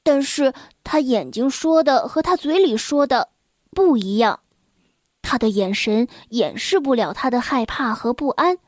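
High-voiced woman reading a children's story. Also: expressive, unhurried, no room sound, clean studio sound.

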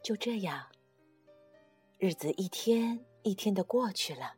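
A woman narrating a children's bedtime story in a gentle, expressive way. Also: medium pitch, measured pace, husky, faint music behind.

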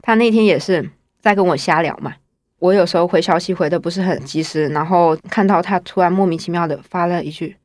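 A woman's voice: fairly low pitch, brisk, darkish tone, no room sound. A woman in her twenties casually telling her own story in the first person, chatty and wry. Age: 20s. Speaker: guest storyteller.

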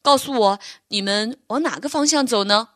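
A woman's voice: fairly high pitch, moderate pace, a bit bright, no room sound, studio quality, close to an everyday voice. A woman voicing a friendly, brave little male polar bear cub who talks eagerly and reassuringly in a bedtime storybook.

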